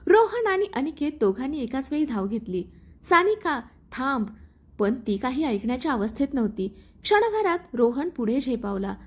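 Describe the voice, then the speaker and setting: A woman tells a dramatic love story, her voice pitched high and rising and falling vividly. She narrates in an expressive storybook manner. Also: fairly quick, breathy edge.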